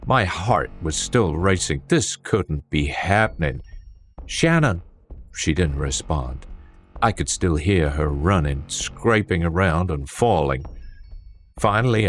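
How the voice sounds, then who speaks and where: A man narrating a horror story with a tense, dramatic reading. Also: low-pitched. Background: faint music.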